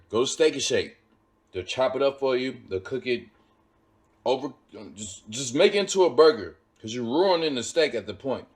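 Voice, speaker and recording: A man casually showing how he cooks a steak in his home kitchen, emphatic and repeating his points. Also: mid-range voice. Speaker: home cook vlogger. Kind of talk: casual cooking demonstration. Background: sizzling pan on a stove.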